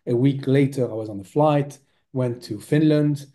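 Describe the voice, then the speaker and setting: A man in his forties from Lebanon speaks as a podcast guest, his voice very dark and mellow. He talks at a middle pitch, pausing often and filling gaps with hesitant sounds. His delivery is relaxed and conversational. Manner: hesitant, many filler sounds. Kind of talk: interview conversation.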